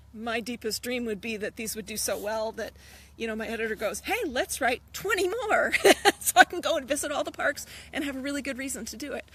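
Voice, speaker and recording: Chatty woman author on a live stream. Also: a little high. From United States. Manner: chatty, excited, many fillers. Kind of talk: casual live-stream chat.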